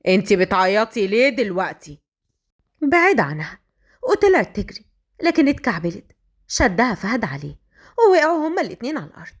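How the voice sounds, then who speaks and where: A woman with an Egyptian accent narrating a romance story in a brisk, dramatic manner. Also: medium pitch, husky. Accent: Egyptian Arabic.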